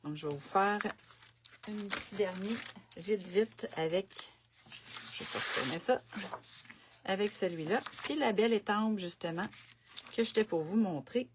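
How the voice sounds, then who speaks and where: This woman speaks at a medium pitch and a measured pace, pausing often, with noise in the background. She has a Quebec French accent and is running a relaxed live craft stream from her home desk, chatting, musing aloud, and filling gaps as she works, recorded by a camera on the desk.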